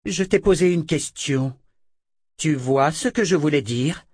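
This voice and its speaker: A man reading a fantasy audiobook and voicing a furious, domineering older woman with a shrill, scolding, contemptuous delivery. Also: animated, brisk, husky, dry recording, studio quality.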